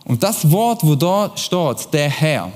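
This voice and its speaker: Swiss German preacher in a reverberant hall. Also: male voice, fairly high pitch, very animated, takes it slowly, a little mellow. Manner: chatty, explains with rhetorical questions. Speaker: youth church preacher. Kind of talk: casual sermon. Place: church hall.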